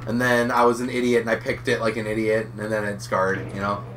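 A man's voice: lowish voice, monotone, fairly bright tone. Joking man on a distant, noisy mic. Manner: joking, quick to laugh, storytelling. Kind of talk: casual gaming chat. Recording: distant mic with background noise.

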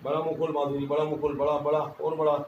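A man's voice: fairly high pitch, little pitch movement, fast talker, lo-fi sound. Commanding man in an echoey room. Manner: commanding, repetitive chanted orders. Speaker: spiritual healer. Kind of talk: ritual exorcism session. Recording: echoey room, faint background noise.

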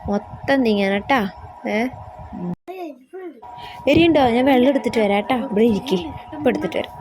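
A woman's voice: fairly high pitch, moderate pace, natural voice. A woman playing an older grandmother in a homemade family skit. The grandmother coos over one grandson and scolds the others. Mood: coaxing. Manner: coaxing and scolding by turns, sing-song baby talk.

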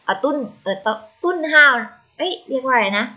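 Thai-accented woman, primary Chinese teacher, bright higher voice, patient and repetitive, lo-fi recording. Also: expressive. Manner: patient, repeats words slowly for pupils to copy. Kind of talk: recorded online lesson. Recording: slightly dull lo-fi recording.

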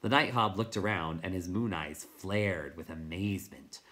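A man reading a children's novel aloud as a teacher, in expressive storytelling narration. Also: sits low, normal speed.

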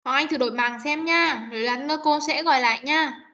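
A woman English teacher, bright and clear in her high voice, speaks fairly quickly as she coaches pronunciation in an online class. She coaxes her students patiently and repeats each sound so they can copy it, though the video call audio sounds dull and muffled.

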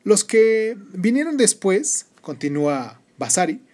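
A man's voice: high voice, big pitch swings, takes it slowly, a little mellow. A man hosting a history podcast, moving between read narration and casual asides in Spanish. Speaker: podcast host.

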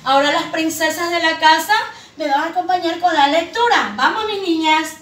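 A woman with a very high, fairly bright voice teaches young children to read, drawing out each syllable slowly and calling her pupils her loves and princesses. She's recorded from a distance in an echoey room, off the mic.

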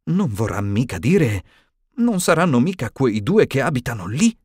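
A man voicing a stern elderly female professor in an audiobook, higher and tremulous, shaken and indignant. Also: big pitch swings, normal speed, a little mellow, husky, no room sound, studio quality.

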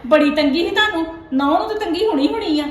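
A woman with a Punjabi accent acting a mother in a family drama, wailing, cursing and scolding loudly. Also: very high-pitched, quick pace. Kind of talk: Punjabi web-series acting. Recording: roomy echo with faint music.

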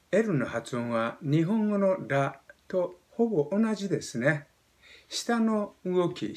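Older guy from japan in his 70s giving a pronunciation lesson, gets animated showing the sounds, mid pitch. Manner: animated, demonstrates sounds with rising emphasis. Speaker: pronunciation teacher. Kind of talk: explaining lesson.

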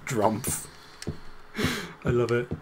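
Teasing man with a lowish voice. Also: fairly quick, crowd noise. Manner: teasing, interjecting with giggles. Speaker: gaming channel co-host. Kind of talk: casual gaming chat.

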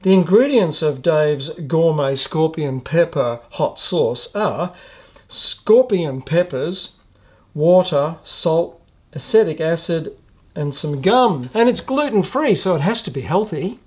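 Aussie guy doing a chill hot sauce taste test, slow easy talk, dry little jokes. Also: on the high side, expressive, darkish tone. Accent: Australian. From Australia. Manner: chatty, reads labels aloud with dry jokes. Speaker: food reviewer.

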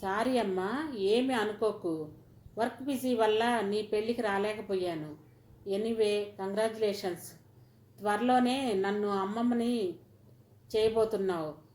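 A woman voicing a kind, motherly middle-aged woman doctor who asks questions with warm concern. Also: medium pitch, unhurried, long pauses, natural voice. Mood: cheerful. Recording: roomy echoey recording.

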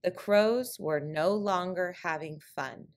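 Very slow woman storyteller, lowish voice. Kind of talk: picture-book read-aloud of a trickster tale, scripted narration.

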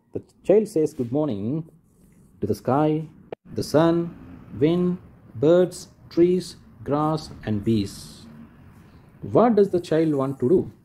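This is a man, walking young pupils through a textbook lesson. His voice is fairly high but mellow and a little husky. He repeats each point, rephrases it, and points things out as he goes. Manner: points and demonstrates with "like this". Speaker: teacher. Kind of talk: explaining a school textbook lesson.

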